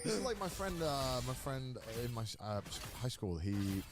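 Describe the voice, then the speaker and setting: A young man in casual chat, reacting quickly and laughing often. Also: mid-range voice, big pitch swings. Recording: loud music behind.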